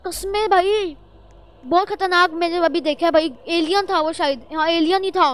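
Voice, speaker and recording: A woman giving excitable, jittery gameplay commentary as a vlogger, with loud exclamations while playing a horror game. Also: very high-pitched, moderate pace. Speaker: gaming vlogger.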